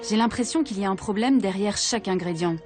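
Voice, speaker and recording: A woman's voice: mid-range voice, quick pace. A woman journalist narrating a documentary voice-over in an earnest, searching way. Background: background music.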